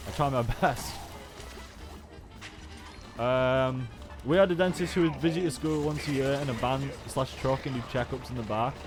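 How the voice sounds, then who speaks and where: A man's voice: medium pitch, moderate pace, long pauses, over music. A man with a Stoke-on-Trent English accent chatting casually and in a rambling, easily amused way as he streams a video game. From Stoke-on-Trent, England. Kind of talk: casual gaming stream chat.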